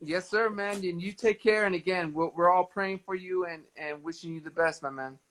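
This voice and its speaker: A man in his thirties hosting a casual livestream chat with a fan, warm and often repeating words as he thinks. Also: high voice, normal speed, low-quality recording. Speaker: livestream host. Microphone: phone on a live video stream.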